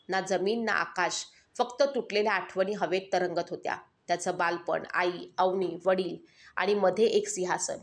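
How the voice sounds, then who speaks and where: A woman telling a mythic horror story in measured, dramatic scripted narration. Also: medium pitch.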